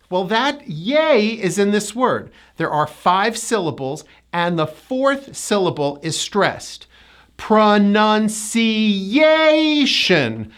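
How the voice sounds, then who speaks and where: A woman with a North American accent teaching pronunciation, modelling each word slowly and clearly with the stressed syllables drawn out. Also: mid-range voice. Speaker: pronunciation coach. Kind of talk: scripted pronunciation lesson.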